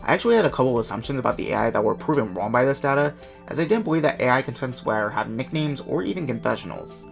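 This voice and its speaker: Brief: male YouTuber, casual narration, quick and chatty, faint music behind. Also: medium pitch, expressive, gravelly. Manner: quick, self-mocking and chatty. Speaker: YouTuber and documenter.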